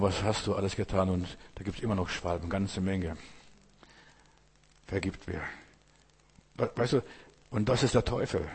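With a low, husky, darkish voice, a man preaches a sermon, addressing each listener directly. He repeats phrases and leaves slow, emphatic pauses hanging, while a hall's long reverb makes his words ring.

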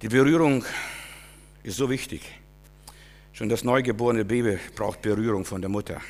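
A middle-aged man preaching a sermon, swinging from loud, high exclamations to quiet, low asides, often repeating and restarting words. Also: fairly even intonation, moderate pace.

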